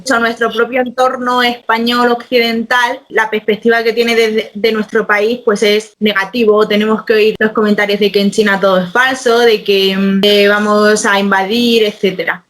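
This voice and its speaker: A woman's voice: on the high side, level tone, normal speed, hardly any pauses, fairly bright tone. A young woman speaking as an interview guest, earnest and reflective, thinking aloud with small restarts. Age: young adult. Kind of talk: conversational interview.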